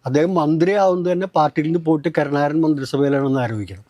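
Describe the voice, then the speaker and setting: A man with a slightly high voice lays out political analysis in long, measured explanations. The sound is dry and close, with no echo. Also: darkish tone, lo-fi sound. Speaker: host of political discussion.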